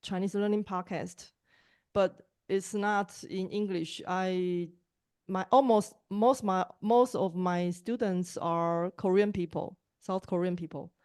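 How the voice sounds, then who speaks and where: A woman's voice: medium pitch, steady tone, darkish tone, smooth. A woman from Taiwan with a Taiwanese accent, speaking English as a second language, introducing herself hesitantly on a video call. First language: Mandarin. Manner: hesitant, with pauses and restarts. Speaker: language teacher and podcaster. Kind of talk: online group introductions.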